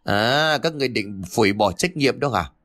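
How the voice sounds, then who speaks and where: A man's voice: mid-range voice, animated, normal speed, fairly bright tone, lightly acted. A man voicing a spiteful middle-aged village woman who sneers and scolds. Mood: spiteful scolding.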